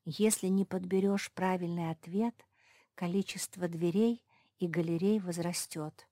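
A woman doing a drawling calm pug. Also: on the low side, unhurried, no room sound, studio quality. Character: calm female pug recalling a warning.

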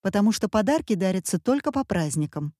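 A woman voicing a weary mother giving short, flat answers to her son, in an audiobook reading. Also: mid-range voice, quick pace, dry recording, clean studio sound. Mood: curt. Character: curt weary mother of a boy.

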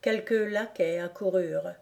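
A woman reading a classic novel aloud as an audiobook narrator, with measured, even storytelling. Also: on the low side, vocal fry. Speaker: audiobook reader.

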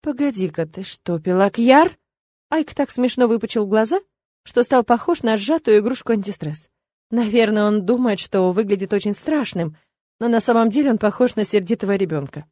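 Woman audiobook narrator, mid-pitched, ironic first-person reading, dead-dry recording. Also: brisk, no room sound. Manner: lively, ironic storytelling.

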